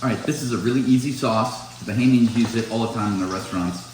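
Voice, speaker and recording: A middle-aged man talking through a sauce in a relaxed, dryly funny way. His voice sits low, and the kitchen gives it a roomy echo with a faint hiss underneath. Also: fast. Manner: laid-back, dry humor. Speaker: host's father. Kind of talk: casual storytelling and cooking chat. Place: home kitchen.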